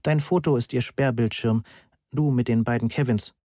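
A man voicing a socially odd, literal-minded student in an audiobook, pedantic and deadpan. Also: medium pitch, moderate pace, no room sound, studio quality, lightly acted. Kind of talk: audiobook character voice.

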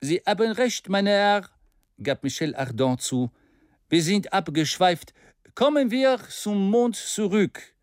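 A man as a bold male dreamer-orator, emphatic, pitch leaping high, dry close reading. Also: animated, slow, clean tone, dry recording. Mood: assured. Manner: rousing, declamatory, emphatic.

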